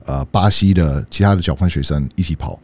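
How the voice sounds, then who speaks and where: A man's voice: deep voice, fairly quick, a little mellow, no echo. A young man from the United States, a native English speaker, chats casually in fluent American-accented Mandarin as a foreigner and slips into English. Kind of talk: casual bilingual chat.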